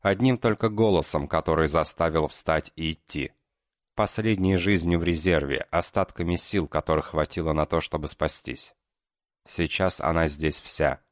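A man reading an audiobook aloud in a measured, unhurried narration. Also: a bass voice, steady tone, no room sound, clean studio sound. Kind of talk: scripted narration.

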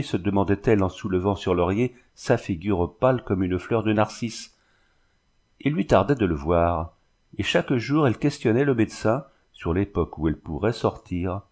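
A man reading a novel aloud as steady scripted narration, lifting his voice a little for the characters' lines. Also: lowish voice. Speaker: audiobook reader.

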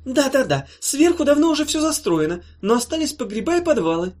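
Cowardly succubus demon in an audiobook, very high whiny voice, husky edge, stammers and begs. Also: female voice, sing-song, brisk, darkish tone. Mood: babbling. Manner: pleading, wailing, stammering.

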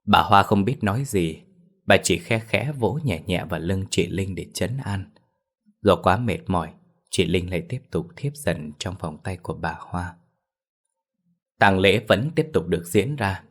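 A man narrating a ghost story as a storyteller, with a measured, dramatic delivery. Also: low voice, a bit bright.

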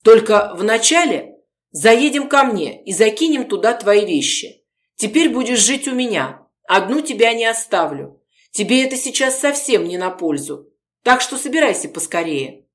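A woman's voice: on the high side, very animated, very slow, few pauses, pitched above the performer's own voice, exaggerated voice. A woman reading the part of an agitated man who pleads and raises his voice in an audiobook. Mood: decisive. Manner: forceful, pleading, raising his voice.

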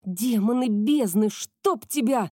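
A woman voicing a fierce, stubborn young woman warrior who shouts with effort and defiance. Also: a little high, lively intonation, normal speed, husky, no echo, clean studio sound, pitched above the performer's own voice. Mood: straining.

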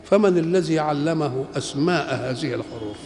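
A man's voice: on the high side, animated, moderate pace, very noisy. An older man with an Egyptian Arabic accent giving a Quran commentary lecture, posing rhetorical questions and answering them like a teacher. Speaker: Islamic scholar. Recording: echoey hall with faint ambience.

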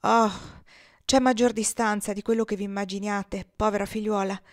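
A woman voicing a kind, prudent senator's wife who speaks gently and soothingly in a storybook reading. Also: medium pitch, level tone, moderate pace, close to an everyday voice. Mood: compassionate.

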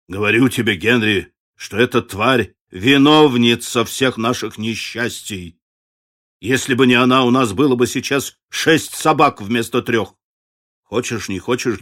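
A man voicing a grim, gruff frontier trapper in a low, hushed voice in an audiobook. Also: natural voice. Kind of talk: audiobook character voice.

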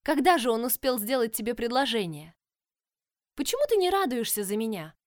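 A woman's voice: a little high, lively intonation, a little fast, dry recording, studio quality, pitched above the performer's own voice, close to an everyday voice. A woman voicing an anxious, protective young older sister, speaking urgently and pleadingly in an audiobook.

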